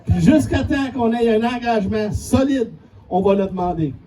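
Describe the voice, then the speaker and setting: Quebec-accented man, folksy stump-speech delivery, high and very mellow tone, picked up from a distance. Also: expressive, normal speed. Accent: Quebec French. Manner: folksy, emphatic, making promises. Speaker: speaker addressing a public gathering. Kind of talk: rousing public speech. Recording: distant mic with faint background noise.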